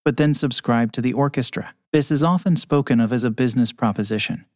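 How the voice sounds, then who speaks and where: An anonymous male conductor whose voice is electronically disguised, giving measured, articulate interview answers over a remote call. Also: mid-range voice, darkish tone, no room sound, clean studio sound. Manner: measured, articulate, argues at length. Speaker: orchestra conductor, anonymous guest. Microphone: remote call with camera off.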